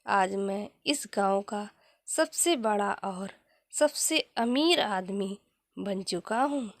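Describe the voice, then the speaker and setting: A woman voicing a poor, humble village man in a motivational story, with plain, measured delivery. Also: mid-range voice, expressive, dry recording, clean studio sound. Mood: earnest.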